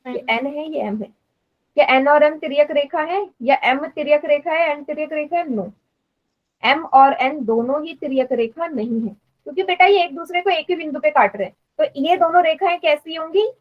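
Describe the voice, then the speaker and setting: A woman's voice: sits high, normal speed, highs cut off. A woman teaching math in a live online class, patiently explaining and quizzing students. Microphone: online class stream.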